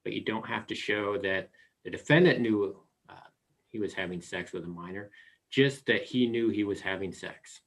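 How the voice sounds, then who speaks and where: Low-voiced American man arguing formally. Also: moderate pace. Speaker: defense appellate attorney. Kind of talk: formal oral legal argument.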